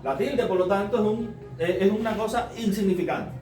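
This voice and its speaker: High-voiced Spanish preacher in a roomy hall. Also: male voice, moderate pace, a little mellow, faint music behind. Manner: explains step by step, asks rhetorical questions. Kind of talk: sermon, Bible study teaching. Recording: roomy, distant mic, faint noise.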